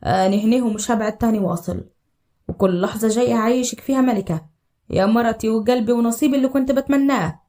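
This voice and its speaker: A devoted young husband with an Upper Egyptian accent, his voice pitched low and earnest, as a woman acts him out. He talks in a quick, steady flow of heartfelt vows in a storybook audio drama. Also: close to an everyday voice. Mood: tender. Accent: Upper Egyptian Arabic. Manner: low, earnest, tender declarations.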